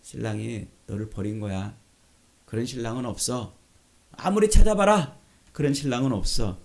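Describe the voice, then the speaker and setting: A man's voice: on the high side, moderate pace, gravelly, darkish tone. Sneering mocking women, as a male preacher puts them on. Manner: taunting, sneering. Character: scornful worldly women mocking a bride.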